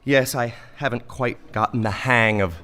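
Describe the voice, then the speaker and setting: An actor playing an earnest, naive, polite and apologetic saint in a comic audio play. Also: male voice, medium pitch, moderate pace, pushed and bright, natural voice.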